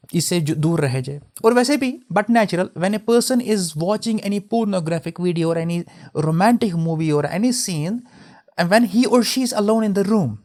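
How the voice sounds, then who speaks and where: High-voiced man giving a religious lecture. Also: a little mellow. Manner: explanatory, switches into English mid-sentence; spells out and contrasts word pronunciations. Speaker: Islamic teacher.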